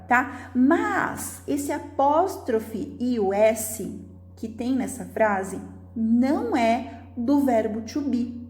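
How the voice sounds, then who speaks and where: A woman, a Portuguese speaker, teaches beginner English in a slow, unhurried way. Her voice sits a little high and swings widely in pitch, and she keeps checking in with her viewers. The room gives her voice a clear echo. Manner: lively, checks in with the viewer often; reads example sentences slowly and clearly. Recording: roomy, echoey sound.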